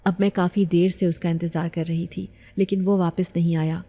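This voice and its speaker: A woman narrating a first-person story with a steady, even reading. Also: fairly low pitch.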